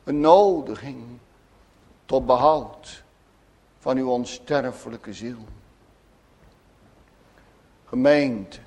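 Pastor preaching slow, fairly high voice, goes from loud urgent pleas to hushed bits. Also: male voice. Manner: swings between loud urgent pleading and soft hushed asides. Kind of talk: sermon.

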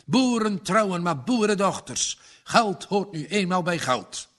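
Casting: indignant old farmer, loud and high, swinging wildly, a man reading it. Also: animated, measured pace. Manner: shouting, indignant, pitch jumps up. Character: angry stubborn old farmer father.

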